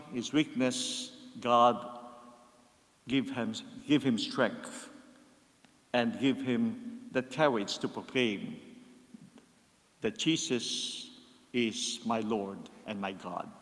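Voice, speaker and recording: Slow-preaching priest in a reverberant church. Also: male voice, medium pitch, fairly bright tone. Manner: slow, measured preaching with rising emphasis. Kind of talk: homily. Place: church, at a lectern. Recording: church livestream with long reverb.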